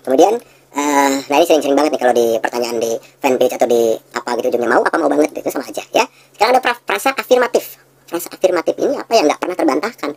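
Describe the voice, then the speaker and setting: A woman instructor giving a recorded lesson, explaining quickly and acting out short sales dialogues in a raised voice. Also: husky, poor audio. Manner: fast explanatory talk, acts out sales dialogue in high voice. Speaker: NLP instructor.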